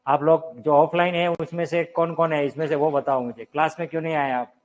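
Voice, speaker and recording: A man runs a live online Hindi grammar class from a teaching room with a board, addressing viewers directly, quizzing them, and answering his own questions. His fairly high voice holds a steady tone at a slightly fast pace, and the recording is rough.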